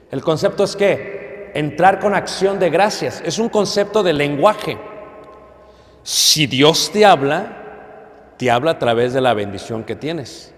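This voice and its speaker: A man preaching a sermon to a congregation, with dramatic pauses, loud emphasis and questions to the listeners. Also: fairly high pitch. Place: church hall. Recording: long hall reverb.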